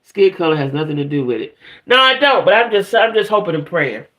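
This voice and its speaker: A woman from the northern United States hosts a casual gossip live stream, chatting playfully and colloquially as she rambles, often ending her thoughts with a quick check-in. Her voice is fairly low and a bit bright, with big pitch swings.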